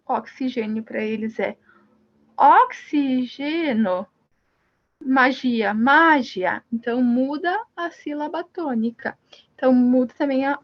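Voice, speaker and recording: A woman's voice: on the high side, highs cut off. A Brazilian woman teaching Spanish grammar step by step, often saying "então" and "ó" as she points to examples. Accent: Brazilian Portuguese. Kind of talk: recorded classroom lesson.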